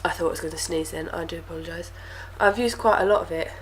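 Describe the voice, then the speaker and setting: Her voice is lowish and fast, and the poor audio carries a little hiss or hum. She's a young beauty vlogger casually reviewing products to camera, sounding stuffy from a cold and chatty with many fillers and repeated words.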